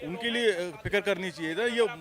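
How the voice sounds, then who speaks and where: A man's voice: high-pitched, brisk, crowd noise. A man giving argumentative answers in a street interview, outdoors in the city, and pushing back with rhetorical questions. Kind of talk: political vox pop.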